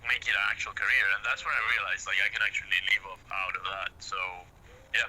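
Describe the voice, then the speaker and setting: Hesitant young Chilean man, low voice. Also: steady tone, quick pace, bright, forceful tone, poor audio. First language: Spanish. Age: 20s. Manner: hesitant, many fillers and restarts. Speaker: guest music producer. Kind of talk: casual interview chat.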